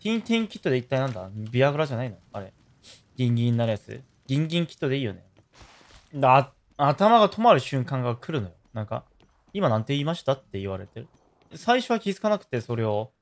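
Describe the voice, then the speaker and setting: Lively man streaming games. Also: medium pitch, fast talker. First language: Korean. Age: 30s. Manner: joking and animated, with loud yelps and laughs. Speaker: game streamer. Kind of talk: casual gaming stream chat.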